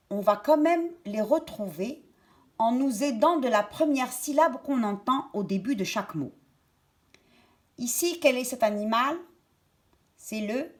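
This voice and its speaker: Slow-speaking woman teacher for young children. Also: a little high. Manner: slow, clear, repeats words and syllables for young pupils. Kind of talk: French lesson for children.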